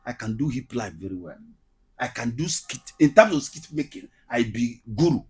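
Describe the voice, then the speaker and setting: A man's voice: mid-range voice, very animated, moderate pace, a little mellow, husky. A man with a Nigerian Igbo accent, telling his story as an interview guest and repeating phrases emphatically. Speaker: guest, comedian and skit maker.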